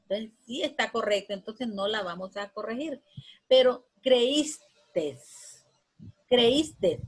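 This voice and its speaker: Woman teacher, higher voice, patient and repetitive grammar lesson. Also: animated, husky, low-quality recording. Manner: patient, repeats words slowly for students.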